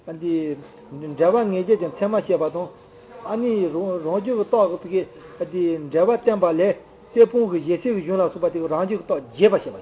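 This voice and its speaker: A man's voice: high voice, brisk. A man in casual chat, rambling and repetitive, full of fillers, on a dull lo-fi recording.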